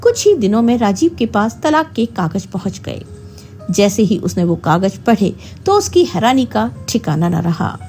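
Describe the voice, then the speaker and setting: A woman's voice: mid-range voice, very animated, moderate pace, a little mellow. A woman storyteller reading a scripted, dramatic narration. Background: faint music.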